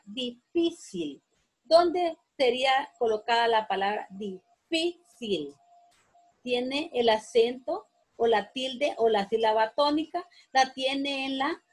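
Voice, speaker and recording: Woman teacher, slow deliberate delivery, husky voice, patient explainer for a primary lesson. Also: fairly high pitch, low-quality recording. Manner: slow, patient, repeating words syllable by syllable. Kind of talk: classroom lesson on accents.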